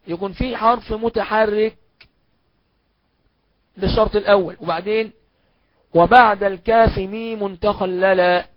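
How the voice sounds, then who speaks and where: A man with an Egyptian accent teaching a recorded Quran recitation lesson, explaining step by step, asking and answering his own questions and chanting the examples slowly. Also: sits high, no echo, highs cut off. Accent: Egyptian Arabic.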